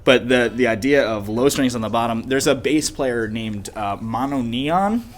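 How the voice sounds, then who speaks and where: A man's voice: mid-range voice, moderate pace. A man co-hosting a music podcast, explaining playing technique in an enthusiastic, casual way. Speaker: guitar teacher co-host. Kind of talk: casual chat.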